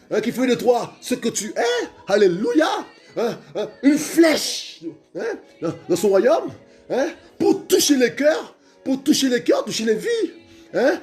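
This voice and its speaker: Male preacher, high voice, fervent and repetitive, faint music behind. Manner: fervent, repetitive, calls out to listeners, stammers, shouts at times.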